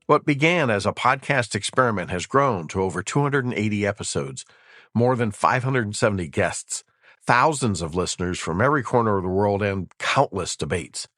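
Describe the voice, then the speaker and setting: A man hosting a podcast, reading a scripted introduction in a measured, announcer-like way. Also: fairly low pitch, expressive, no echo. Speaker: podcast host. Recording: dry studio voice with soft music behind.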